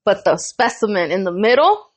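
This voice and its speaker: A young adult woman co-hosting a podcast, telling a story in casual chat, animated and profane and laughing often. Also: mid-range voice, normal speed. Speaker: podcast co-host.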